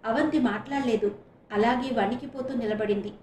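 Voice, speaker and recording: A woman narrates a serial novel in an expressive storytelling voice. Her tone is fairly high, and the room gives it a noticeable echo. A faint hiss hangs under the home-made recording. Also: moderate pace. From Visakhapatnam, India. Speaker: audiobook narrator. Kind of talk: reading a serial novel aloud.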